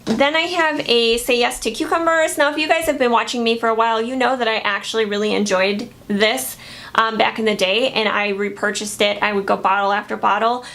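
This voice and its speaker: Woman beauty vlogger, slightly higher voice, casual and chatty, hesitant with lots of fillers. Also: steady tone, fairly quick, fairly bright tone. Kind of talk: casual product review.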